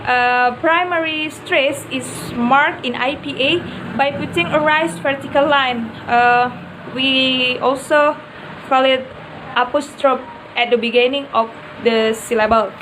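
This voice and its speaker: A woman's voice: high voice, takes it slowly, noisy background. A young woman student giving a class presentation on word stress, hesitating with frequent fillers; her first language is Indonesian. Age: young adult.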